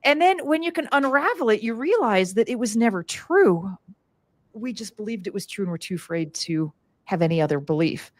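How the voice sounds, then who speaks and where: A woman's voice: medium pitch, animated, normal speed, no echo. A woman speaking as an interview guest, explaining animatedly with lots of 'like' and 'you know'. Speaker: guest strategist. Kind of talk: conversational interview.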